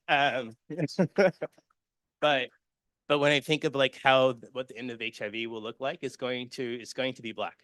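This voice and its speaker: A man's voice: mid-range voice, steady tone, brisk, fairly bright tone, smooth, no room sound. A man giving a personal, earnest conference presentation with slides, full of fillers and restarts. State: emotional, near tears. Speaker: conference speaker.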